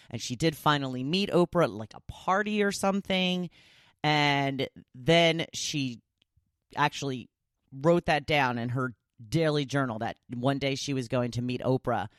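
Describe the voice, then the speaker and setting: A woman hosting a podcast in a casual, gushing, excitable chat who acts out the people she quotes. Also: very deep voice, no room sound, studio quality. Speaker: podcast host.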